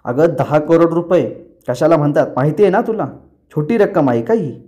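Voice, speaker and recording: Guy doing an angry dad yelling at his son, harsh, warm low voice underneath. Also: lively intonation, normal speed, lightly acted. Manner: harsh, scolding. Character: angry stern father, shouting at his son.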